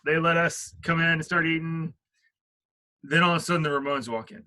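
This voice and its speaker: A man's voice: on the high side, fairly even intonation, brisk, bright, forceful tone. A middle-aged man casually telling a story, rambling with lots of fillers and restarts. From Richmond, Virginia.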